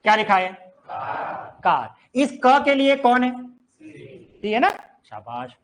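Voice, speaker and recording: A man with a strikingly high voice teaches to a class. He keeps firing rhetorical questions and drilling his students to read each word aloud. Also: very animated, slow, a bit bright. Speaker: Hindi teacher. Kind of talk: classroom lesson.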